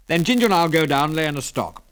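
Brisk, commanding pilot, as a man reads him. His lines come clipped and decisive, and they sit a little higher than the plain narration, with a lively rise and fall. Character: brisk, confident male pilot and leader. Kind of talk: audiobook character voice.

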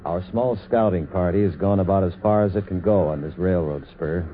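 An actor playing a cocky, wry frontier painter with sardonic banter, in old radio drama style. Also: male voice, low-pitched, brisk, soft background music, lightly acted. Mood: narrating. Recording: phone-like, thin old radio recording.

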